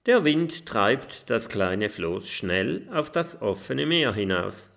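A man reads a children's story aloud, unhurried and very expressive. His voice is gravelly and moves widely in pitch. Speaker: audiobook narrator. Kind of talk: scripted narration of a children's book.

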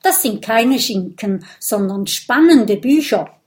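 An eager little boy fire dragon from a storybook, voiced by a woman reader. He talks with bright curiosity, keen on secrets and adventure. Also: a little high, slow pace. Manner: eager, bookish, lively.

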